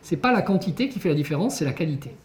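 A man giving a conference lecture to teachers as an education researcher, talking in an animated, emphatic way and posing rhetorical questions to the room. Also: a little high, rapid-fire.

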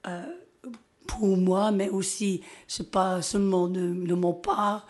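Speaking French with a Scottish accent, this invited guest presents informally and halts often as she gropes for words in a language that isn't her native English. She is a woman from Scotland, and her voice is on the low side, level and a little mellow.

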